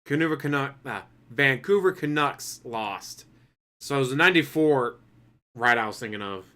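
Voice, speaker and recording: A bright, smooth-voiced man giving live reaction commentary, full of sarcastic and mocking asides. His tone is crisp and clear at a middling pitch. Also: expressive, normal speed. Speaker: stream reaction host.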